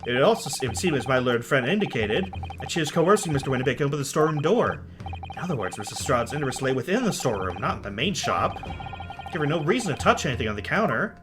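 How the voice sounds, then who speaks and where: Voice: medium pitch, big pitch swings, quick pace, over music, lightly acted. A streamer voicing an earnest young defence lawyer from a video game in formal courtroom oratory.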